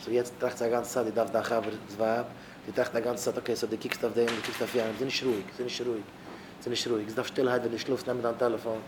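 Rabbi guy preaching to young husbands, gets loud and fired up then quiet, kinda noisy recording. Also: mid-range voice, level tone, fast talker. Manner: emphatic, voice swelling loud on key words. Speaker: rabbi giving a talk to young married men.

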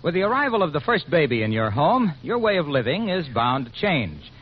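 A man's voice: big pitch swings, slightly rough. Man announcing on an old broadcast disc. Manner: brisk, upbeat sales pitch. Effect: old broadcast disc recording. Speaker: radio announcer. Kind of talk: 1940s radio commercial read. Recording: dull lo-fi old radio transcription.

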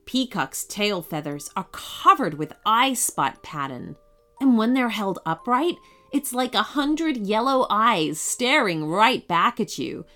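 A woman narrating a children's storybook in an expressive storytelling manner. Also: medium pitch, slow pace, faint music behind.

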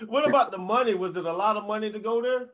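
A man's voice: high-pitched, quick pace, fairly bright tone. A man with an American accent interviewing casually, agreeable and slangy, swearing freely. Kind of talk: casual chat.

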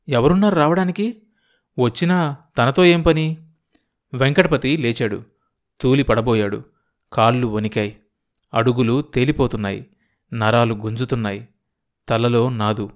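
A man narrating a novel as an audiobook, in a measured, dramatic storytelling manner. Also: mid-range voice. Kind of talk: novel reading, scripted narration.

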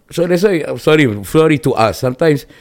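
A man's voice: on the high side, animated, brisk, darkish tone. Talkative Singaporean man bantering in Singlish. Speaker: talk show host. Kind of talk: casual bantering chat in Singlish mixed with Malay.

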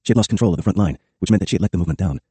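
Male audiobook narrator, low mellow husky voice, very fast memoir read. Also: no echo. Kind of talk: scripted first-person memoir narration.

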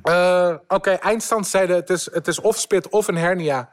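Casting: young male comedian, high voice, animated storyteller who swears and mixes in English. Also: normal speed. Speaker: podcast guest, comedian. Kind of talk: storytelling anecdote.

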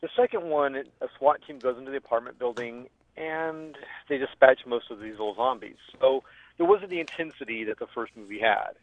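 Over the telephone, a male caller leaves a casual film review, speaking fairly quickly in a medium-pitched voice. The sound is dull and dry, like a phone-line voicemail.

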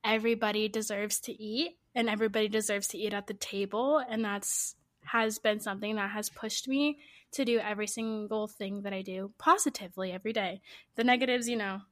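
A woman's voice: medium pitch, fairly even intonation, a little fast. A woman co-hosting a podcast, talking in a rambling, tangential way with giggly asides. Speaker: podcast co-host. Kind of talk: casual podcast chat.

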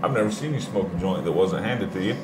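A man's voice: low-pitched, fast talker. Stoner dude chatting with his buddies, slangy and laid back, bit of background noise. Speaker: co-host of a cannabis show. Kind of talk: casual banter among friends.

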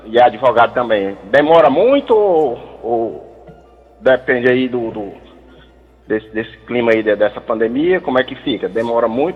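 A man from Brazil, a former bus driver, calling a radio show by phone and asking his question haltingly, repeating words. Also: mid-range voice, slightly rough. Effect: over the phone. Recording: dull phone audio with long reverb.

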